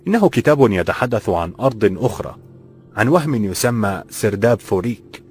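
A man voicing a calm, kind old bookseller who speaks formal classical Arabic, in a slightly raised voice. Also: on the low side, brisk, faint music behind, pitched above the performer's own voice.

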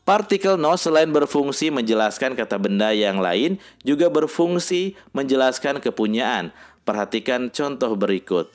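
A man narrating a scripted language lesson, reading sample sentences slowly and deliberately. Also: medium pitch, expressive. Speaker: language teacher.

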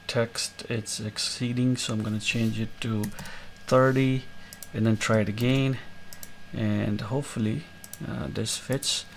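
A man with a gravelly, creaky voice walks through a screen-recorded coding tutorial step by step. He talks in a relaxed way with lots of "uh" and "um" fillers. Faint noise and keyboard typing sit behind him. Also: on the low side. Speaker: tutorial host.

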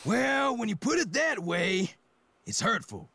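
Blustering, high-pitched cartoon chef. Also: male voice, very animated, measured pace, creaky, husky, no room sound, full character voice. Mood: dejected. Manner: blustering, exclamatory. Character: big gruff adult man, blustering, insecure preschool chef. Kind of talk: animated cartoon acting. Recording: loud cartoon music behind.

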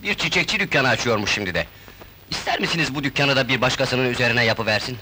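An actor playing a greedy, grumbling son-in-law in a 1970s film comedy. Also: male voice, medium pitch, lively intonation, fast, bright, forceful tone, slight background noise, low-quality recording. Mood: sly.

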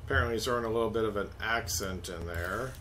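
A woman's voice: extremely low pitch, quick pace, crowd noise. A woman joking around as a co-player in a casual gaming session, rambling with fillers.

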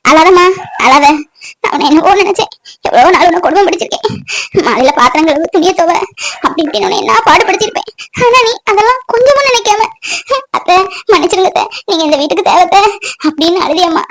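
A woman's voice: extremely high pitch, lively intonation, fast, pauses often, fairly bright tone. A woman voicing a bossy middle-aged mother-in-law in a cartoon, grumbling and nagging in complaint after complaint. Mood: remorseful. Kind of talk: cartoon voice acting.

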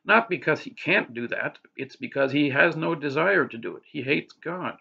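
A man's voice: on the high side, expressive, moderate pace, gravelly, sharp tone, breathy edge. A man vlogging casually about faith, rambling with restarts and filler words. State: hiccups. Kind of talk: casual religious monologue to camera. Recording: dull lo-fi audio.

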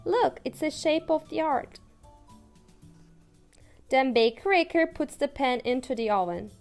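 Faint music fills a small room as a young woman, an English teacher with a Turkish accent, reads a picture book to little children. Her voice sits fairly high with a creaky edge and lively intonation, and she goes very slowly in a playful, sing-song manner.

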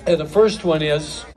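A man's voice: fairly high pitch, a little mellow. A man calling a square dance, counting beats aloud and giving steps at an outdoor festival stage. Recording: live band music behind.

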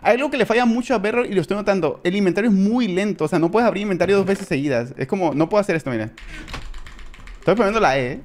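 Excitable, swearing game commentator. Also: medium pitch, racing. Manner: excitable, swears, yelps and laughs at the action; talks to viewers as friends. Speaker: gaming creator. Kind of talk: live gameplay commentary.

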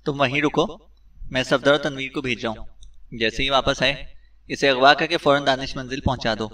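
A man voicing a shrewd male secret service chief who speaks briskly and gives orders. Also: medium pitch, fairly even intonation, bright, forceful tone, far from the mic, close to an everyday voice, poor audio. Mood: commanding. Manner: brisk and commanding.

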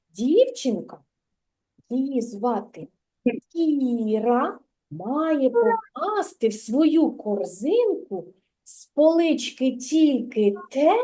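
A woman's voice: high-pitched, warm tone. A woman kindergarten teacher leading a literacy lesson for young children, patient, drawing out her praise and prompting questions.

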